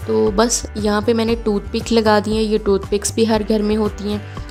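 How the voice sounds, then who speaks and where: A woman walks through a homemade craft in a casual, homely way. She talks at a middle pitch and often pauses on fillers. Faint music plays under her voice in this home video. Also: completely flat delivery, darkish tone. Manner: chatty, homely, with frequent fillers. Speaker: DIY craft vlogger. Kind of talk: casual step-by-step craft tutorial.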